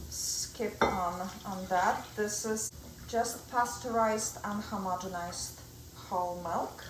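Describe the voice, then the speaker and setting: A woman's voice: medium pitch, roomy sound, noisy background. A middle-aged woman from Poland with a Polish accent, hosting a home cooking show and chatting through each step as she works in her kitchen. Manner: chatty, explains each step while working.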